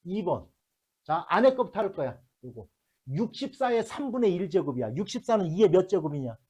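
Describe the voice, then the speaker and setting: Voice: mid-range voice, big pitch swings, brisk, warm tone, breathy edge. A math teacher lecturing a classroom, working through problems step by step and constantly checking whether the students follow, mixing blunt casual talk with polite endings.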